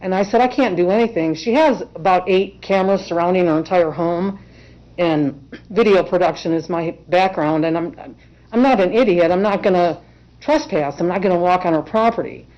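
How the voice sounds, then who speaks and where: A woman's voice: lowish voice, moderate pace, darkish tone. Emotional woman testifying in court. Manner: emotional, earnest, insistent. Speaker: self-represented respondent in court. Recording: dull lo-fi courtroom recording.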